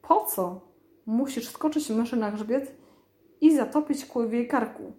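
A woman's voice: fairly high pitch, a little slow, dark tone, reverberant, lightly acted. Isambard, a woman doing a bossy tomcat teacher. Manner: instructive, commanding. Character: bossy male cat teaching hunting.

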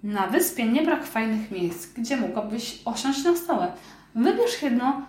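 A woman voicing a kind, clever young girl who talks bright and friendly. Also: a little high, sing-song, measured pace, roomy sound.

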